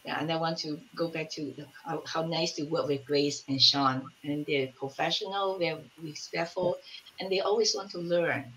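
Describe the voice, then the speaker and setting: Her voice low and her pace moderate, a woman in her sixties tells warm stories on a relaxed panel video call, pausing to search for the right words. She's a community elder and collective member at home, heard through a laptop mic in a low-quality recording with slight hiss or hum.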